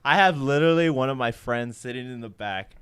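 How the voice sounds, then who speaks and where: A man in his twenties tells a story in a casual chat. His voice is smooth and clear, sitting at an ordinary male pitch. He delivers it in an animated way, swears freely and laughs along with his own tale. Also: fairly quick. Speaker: podcast co-host.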